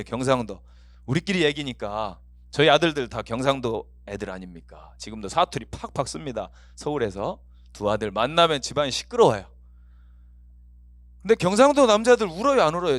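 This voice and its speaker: Middle-aged male pastor, lively storytelling lecture, pitch swinging up and down, dry close sound. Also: dry recording. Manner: lively storytelling with anecdotes and acted quotes.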